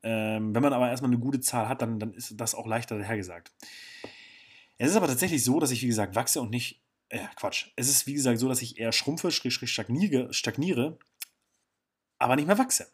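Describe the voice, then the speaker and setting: A young man talks alone on his podcast in a loose, slangy, blunt way, often catching and correcting himself mid-sentence. His voice is slightly husky, at an ordinary pitch for a man. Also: fairly quick. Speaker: podcast host. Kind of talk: casual solo podcast monologue.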